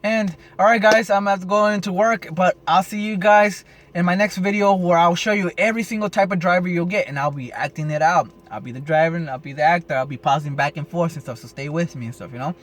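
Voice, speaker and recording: A man with a notably high voice talks casually to his camera as a rideshare driver, rambling and swearing freely. He pads his sentences with filler and sounds caffeinated and wired in the early morning. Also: fairly even intonation, fast talker, few pauses. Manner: rambling, profane, full of "and stuff, you know". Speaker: rideshare driver giving advice. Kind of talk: casual unscripted vlog.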